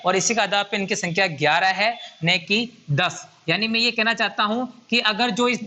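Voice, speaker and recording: A man's voice: high-pitched, fairly even intonation, a little fast, sharp tone. A man teaching a grammar lesson at a whiteboard, patiently repeating and counting items aloud.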